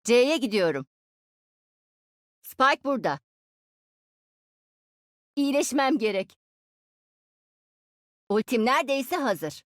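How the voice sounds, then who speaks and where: A brilliant young inventor who teases her squad with smug, playful remarks, her voice sitting fairly high. She talks slowly and deliberately, as in studio game voice lines. The sound is dry, close and clean. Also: sing-song, dry recording. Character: cheeky genius young female inventor. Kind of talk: Turkish game dub voice lines.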